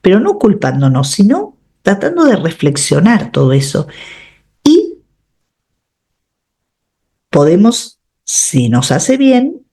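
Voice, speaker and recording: Lady coach on the radio, slow and thoughtful, warm mellow tone. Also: mid-range voice, wildly swooping pitch. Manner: reflective, explains step by step, frequent tag questions. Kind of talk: advice talk on personal growth.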